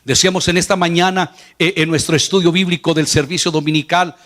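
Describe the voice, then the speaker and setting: A man's voice: on the high side, fairly even intonation, quick pace, a bit bright. A man preaching a sermon in Spanish as pastor, earnest, his voice lifting when he retells scenes. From Latin America. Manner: earnest preaching, voice rising on quoted lines.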